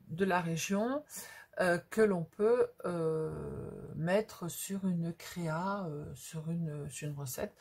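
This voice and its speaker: A middle-aged woman hosts a craft vlog, chatting casually and hesitantly without a script, rambling and repeating herself. Her voice is fairly low in pitch, with slight background noise.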